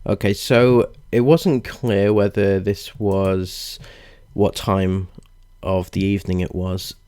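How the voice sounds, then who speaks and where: A man giving critical video commentary in a deliberate, disapproving manner. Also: low voice, level tone, mellow, clean tone, dry recording, clean studio sound. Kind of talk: video commentary with read-out passages.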